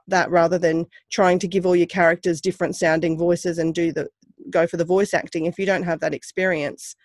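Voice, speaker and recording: A woman's voice: fairly low pitch, a little mellow, dry recording, studio quality. A woman guest on a podcast who narrates her own books, giving thoughtful, practical explanations in a casual chat. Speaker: guest author and self-narrator.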